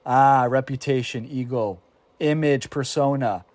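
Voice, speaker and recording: A man leading a casual Bible discussion, animated, often restarting his sentences and acting out quoted exchanges. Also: medium pitch, a little slow, dry recording. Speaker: Bible study teacher.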